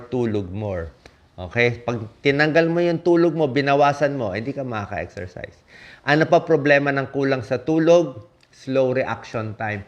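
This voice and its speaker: A man from the Philippines, a doctor giving health tips in a casual, emphatic talk, often checking in with his listeners. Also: medium pitch. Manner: punchy, emphatic list-giving with frequent "di ba?" checks.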